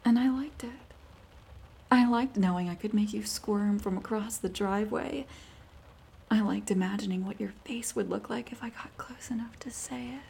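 A woman playing a seductive, teasing, dominant neighbor in an ASMR role-play, breathy and coaxing, speaking intimately right in the listener's ear. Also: medium pitch. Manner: intimate soft-spoken right in your ear; slow, coaxing, breathy delivery.

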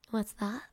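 A young woman whispering softly and affectionately to a partner in an ASMR roleplay, speaking close to the microphone. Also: no room sound. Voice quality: soft whispering, intimate and affectionate. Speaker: girlfriend in a roleplay.

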